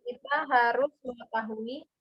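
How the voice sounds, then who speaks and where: A woman's voice: on the high side, steady tone, measured pace, husky, lo-fi sound. A woman explaining material as the speaker of an online lecture on a video call.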